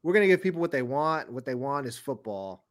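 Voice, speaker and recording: A man of middle pitch co-hosts a relaxed sports podcast. He keeps things light and jokey and laughs easily while he moves the conversation along. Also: a little fast. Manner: upbeat, joking, laughs often. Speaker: podcast co-host. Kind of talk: casual sports chat.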